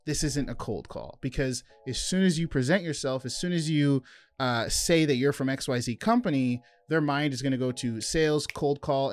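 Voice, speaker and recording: Guy explaining how to call leads, chatty, plays out the calls himself, mid pitched voice. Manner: demonstrates call scripts by acting out both sides; conversational, explains step by step with examples. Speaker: sales coach. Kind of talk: sales training talk to camera.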